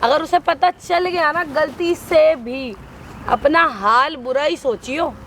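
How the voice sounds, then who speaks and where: A domineering, taunting woman who blackmails and then sweet-talks, played by a woman with a high voice. She is outdoors by a street with faint traffic noise behind her. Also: slow, fairly bright tone. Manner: bossy, taunting, switches to coaxing. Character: scheming pregnant woman blackmailing her employee into marriage. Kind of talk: scripted short drama.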